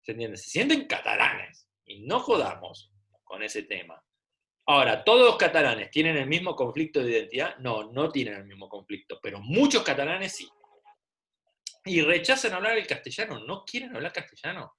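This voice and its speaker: A middle-aged man with an Argentine Rioplatense Spanish accent lectures an online class over a video call. His medium-pitched voice is sing-song, bright, and forceful at a moderate pace, and he's chatty and full of rhetorical questions.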